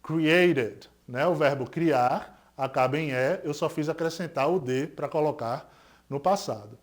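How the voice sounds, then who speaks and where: A man's voice: a little high, measured pace. A man with a Pernambuco Brazilian accent teaches a recorded lesson in a slightly raised voice. He explains patiently and often turns to his students with rhetorical questions. He gives each English example word extra force. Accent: Brazilian Portuguese, Pernambuco. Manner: didactic, asks students rhetorical questions and confirms with "certo?"; stresses English example words more loudly.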